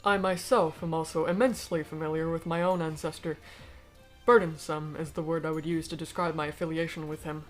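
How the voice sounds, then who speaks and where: Lightly acted and delivered flatly, this medium-pitched fan-dub performance voices a chilly alien aristocrat from a comic. The noble's speech is measured, formal, and eloquent, with a grave, probing, bitter but persuasive edge, over faint music.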